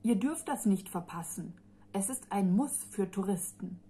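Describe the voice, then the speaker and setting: A woman's voice: medium pitch, expressive, a little slow, slight background noise. A woman reading as an eager young boy. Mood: pleading. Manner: urgent, sharp when defending a friend.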